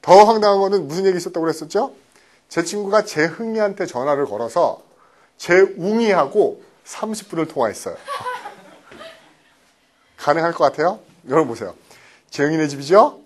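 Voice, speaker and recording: A middle-aged male lecturer with a slightly high, very lively voice that swoops up and down. He explains English vocabulary to a class and often acts out little phone calls and quoted voices. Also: fairly quick, long pauses. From Korea.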